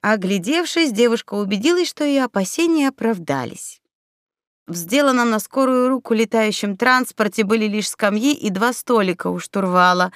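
A woman narrating a fairy tale audiobook with expressive, playful storytelling on a close mic. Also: mid-range voice, no room sound.

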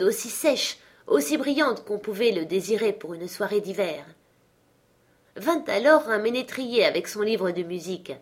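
Female audiobook narrator, husky, steady storytelling. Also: medium pitch. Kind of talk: audiobook reading of a classic tale.

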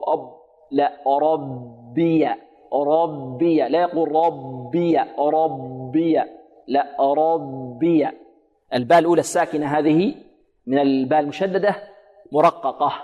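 Quran teacher in a reverberant hall. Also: male voice, on the high side, a little mellow. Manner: asks questions and answers them himself, repeats words slowly to demonstrate. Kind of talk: tajweed lesson.

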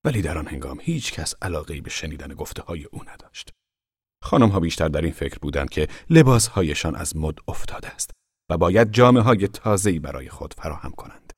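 A man narrating an audiobook in an expressive storytelling voice that sometimes drops to a whisper. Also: very deep voice, husky, no echo, clean studio sound. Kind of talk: scripted narration.

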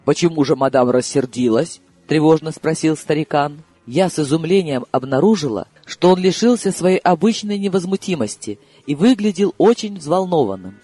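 Brief: male audiobook narrator, slightly high voice with husky edge, expressive storytelling. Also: moderate pace, dry recording, faint music behind. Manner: expressive first-person storytelling. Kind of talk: scripted narration.

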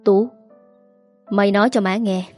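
A woman's voice: medium pitch, steady tone, normal speed, a little mellow, soft background music, lightly acted. A woman voicing a frantic aging mother who scolds and wails at her son over his debts. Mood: furious. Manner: wailing, scolding, pleading.

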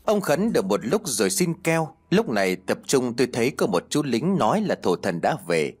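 A man's voice: mid-range voice, very animated, normal speed, darkish tone, breathy edge. Man narrating a ghost story. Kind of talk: scripted horror story narration.

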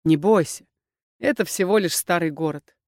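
A woman voicing a calm young male fighter in an audiobook, with a wry, reassuring way of speaking. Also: lowish voice, moderate pace, no echo, clean studio sound. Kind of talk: audiobook reading.

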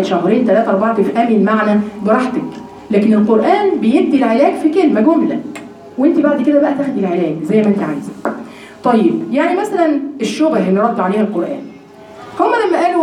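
Animated Egyptian woman teaching in an echoey room. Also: sits high, far from the mic, slight background noise. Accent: Egyptian Arabic. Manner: animated, asks rhetorical questions. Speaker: religious teacher. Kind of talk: Egyptian colloquial religious lesson.

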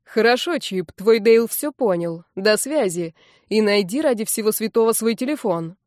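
A woman's voice: mid-range voice, animated, moderate pace, darkish tone, no echo, studio quality, close to an everyday voice. A woman reading an audiobook, voicing the light, joking messages of a young man.

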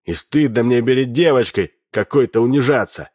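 A man voicing an excitable, jilted young man who talks in raised, emphatic bursts. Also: mid-range voice, moderate pace, no echo, clean studio sound, close to an everyday voice. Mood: indignant.

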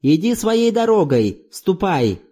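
A man playing a gruff, defiant old laborer. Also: high voice, big pitch swings, takes it slowly, mellow, pitched above the performer's own voice, full character voice. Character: tough aging foreign laborer, stubborn, quick to anger.

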